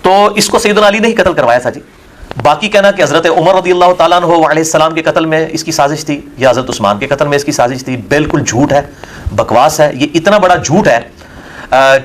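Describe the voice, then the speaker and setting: A Pakistani man, a religious scholar answering questions in a heated Q&A, scornful and forceful, firing rhetorical questions. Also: fairly high pitch, a little hiss or hum.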